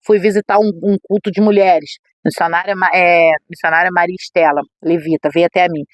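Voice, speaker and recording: A middle-aged woman, a podcast guest and missionary preacher, telling an emotional personal testimony with animated storytelling. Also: on the low side, a little fast, no echo. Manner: animated storytelling, acts out quoted voices.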